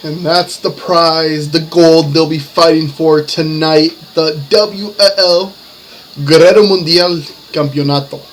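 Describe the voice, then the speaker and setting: A man's voice: a little high, steady tone, takes it slowly, a little hiss or hum, poor audio. A man working as a lucha libre announcer, calling wrestling play-by-play in short, building phrases. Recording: music behind the commentary. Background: music.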